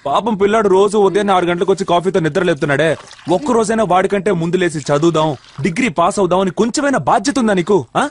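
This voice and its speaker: A man's voice: high voice, racing, close to an everyday voice. A man playing a young man who talks his way out of trouble and blames his friend. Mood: scolding. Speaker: young man questioned by police. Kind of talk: film comedy acting.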